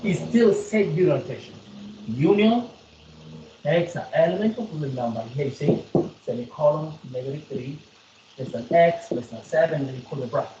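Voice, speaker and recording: South African female maths tutor, lively coaxing delivery, muffled roomy recording. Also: low voice, moderate pace, slight background noise. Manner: repetitive, coaxing, quizzes the student. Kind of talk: one-on-one maths lesson.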